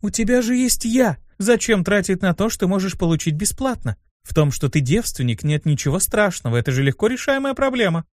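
A man's voice: high-pitched, big pitch swings, moderate pace, hardly any pauses, a little mellow, no room sound, studio quality, voice pushed up. Man doing a whispering sultry succubus.

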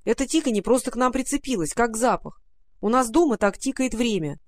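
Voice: medium pitch, lively intonation, a little fast, a little mellow, lightly acted. A storyteller voicing a bold, curious young girl who speaks plainly and directly. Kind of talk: storybook reading.

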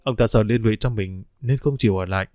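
Man reading a calm careful husband, steady voice, dry close sound. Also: lowish voice, fast talker, no room sound, natural voice. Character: calm, cautious middle-aged husband.

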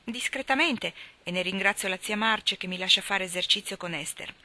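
A woman's voice: medium pitch, normal speed, pushed and bright. A woman voicing a polite, grateful young girl in a storybook reading, speaking sweetly.

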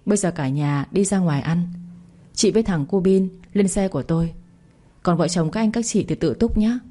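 Woman reading as a stern elderly father in a storybook, curt and commanding, low warm voice. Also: normal speed, lightly acted. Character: stern elderly father-in-law, head of family.

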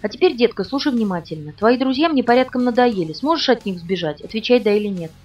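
Woman voicing a smooth-talking male villain, commanding and mocking, quick delivery, dull distant recording, faint music. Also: on the high side, animated, a little mellow. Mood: cold, polite menace. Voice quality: pleasant tenor, falsely polite.

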